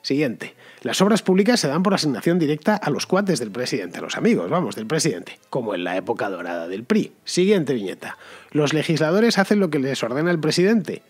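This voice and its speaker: Husky Spanish man hosting a chatty commentary show. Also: on the high side, big pitch swings, brisk. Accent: Spanish (Spain). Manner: conversational, wandering, frequent restarts. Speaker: podcast host. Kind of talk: casual commentary answering listeners.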